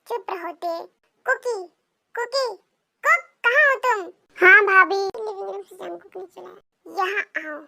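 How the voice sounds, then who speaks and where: A woman's voice: very high voice, fairly even intonation, normal speed, vocal fry, fairly bright tone, exaggerated voice, poor audio. A woman reading a storybook, voicing a caring, bossy older sister-in-law with a firm, motherly manner. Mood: scolding.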